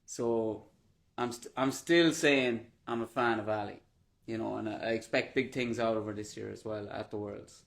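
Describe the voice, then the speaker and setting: A man's voice: fairly low pitch, fairly even intonation, moderate pace, vocal fry. A man co-hosting a trail running podcast, talking in a chatty, teasing way with loose slang. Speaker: podcast co-host. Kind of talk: casual banter.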